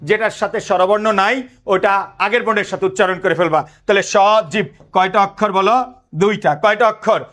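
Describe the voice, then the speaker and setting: A man's voice: high-pitched, steady tone, normal speed, fairly bright tone. A man, teaching a lecture and quizzing students with repeated questions. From Bangladesh.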